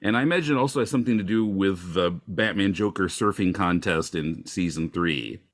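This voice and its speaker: Chatty low-voiced male podcast host. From Iowa. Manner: chatty, quick, laughing often. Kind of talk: casual chat.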